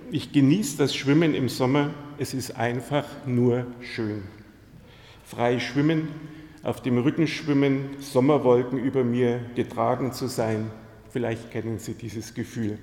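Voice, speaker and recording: A pastor preaches a sermon in a medium-pitched, slightly slow voice that is gravelly and darkish, with fairly even intonation. He tells personal stories and turns to the congregation with direct questions, and his voice echoes through a church hall.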